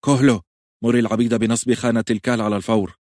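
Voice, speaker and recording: A man's voice: medium pitch, steady tone, very fast, a little mellow, dry recording, studio quality, pitched above the performer's own voice, close to an everyday voice. A man voicing a young pregnant queen who gives urgent orders, commanding yet frightened.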